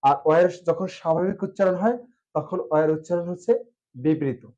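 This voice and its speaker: A man with a Bangladeshi Bengali accent lectures on pronunciation in a slightly raised but mellow voice. He speaks slowly and deliberately, stretching out each example word and filling his pauses with "ah". The recording is dull and lo-fi. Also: high-pitched. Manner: slow and deliberate, drawing out example words, frequent "ah" fillers. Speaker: teacher.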